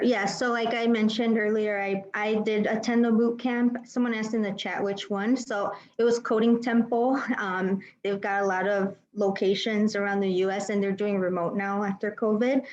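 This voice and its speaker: A woman's voice: mid-range voice, little pitch movement, normal speed. A woman on a career panel speaking candidly, with short laughs between her points. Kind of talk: online panel talk. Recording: dull lo-fi audio.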